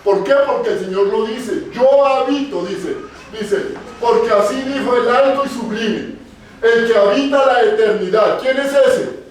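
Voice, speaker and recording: A man's voice: high voice, a little slow, slight background noise. A male pastor preaching a sermon, putting questions to the congregation and repeating key phrases for emphasis. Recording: echoey church from far off.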